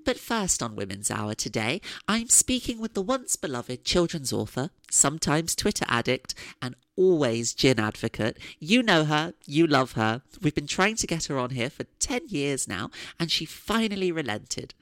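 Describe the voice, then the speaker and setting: Woman playing a very animated radio presenter. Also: deep voice, normal speed, hardly any pauses, no echo. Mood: presenterly. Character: polite, gushing woman radio chat show presenter. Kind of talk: comedy parody of radio presenting.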